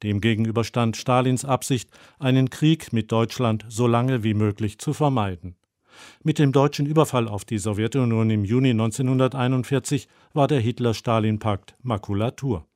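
A man reading a scripted radio book review in a sober, measured way. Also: mid-range voice, darkish tone, no room sound, studio quality. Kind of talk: scripted narration.

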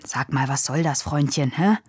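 A woman reading an audiobook voices a gruff, irritable male coachman scolding his horse. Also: low-pitched, normal speed, a little mellow, dry recording, studio quality, voice pushed down.

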